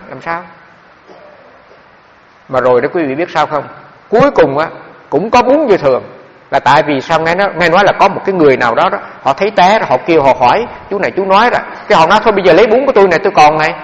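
A male monk preaches at a quick clip, his fairly high voice gravelly in the lower notes. He tells stories in an animated way and keeps turning to his listeners. The recording is dull and carries a long hall echo. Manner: animated, addresses listeners directly. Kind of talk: dharma talk with storytelling.

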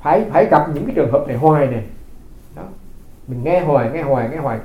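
Vietnamese monk telling folksy stories. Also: male voice, fairly high pitch, quick pace, mellow, reverberant, poor audio. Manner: folksy storytelling, repeats words, chuckles. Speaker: Buddhist monk. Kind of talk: dharma talk.

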